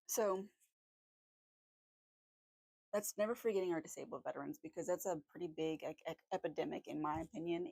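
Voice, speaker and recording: A woman vlogging at home while drawing, chatting casually in a rambling, friendly way with lots of fillers, her voice slightly hoarse. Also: deep voice, darkish tone, no room sound, low-quality recording. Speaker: art vlogger.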